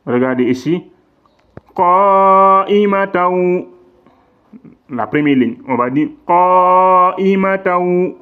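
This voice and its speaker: A man's voice: mid-range voice, steady tone, fairly quick. A man teaching a lesson on Quran recitation rules, patiently repeating examples and drawing out the Arabic words. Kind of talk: classroom-style lesson explaining tajwid rules. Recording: slightly dull, lo-fi sound.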